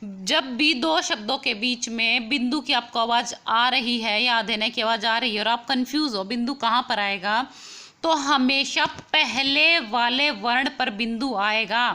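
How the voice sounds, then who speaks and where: A young woman with a bright, forceful voice runs an exam quiz lesson. She pitches a little high and explains patiently. She keeps repeating key points and asking the viewer questions. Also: a little slow.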